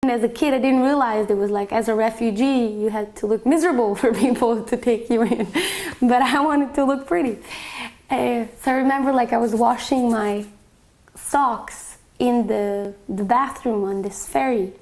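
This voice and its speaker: A young woman from Bosnia giving a reflective personal testimony, soft-spoken and full of small fillers. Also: fairly high pitch, fairly even intonation, moderate pace. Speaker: interviewee.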